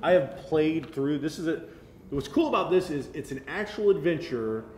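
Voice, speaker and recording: An American man in his thirties, co-hosting a show about geek culture, talks at a moderate pace in a somewhat high, darkish voice full of animation. Sitting at a table in a medium-sized indoor room, he casually reviews and explains things with enthusiasm, his audio roomy with faint noise behind.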